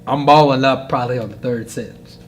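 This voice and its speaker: A young man on a podcast telling his story casually, rambling with many fillers and getting animated. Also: mid-range voice, brisk, slight background noise. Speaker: podcast guest, fighter.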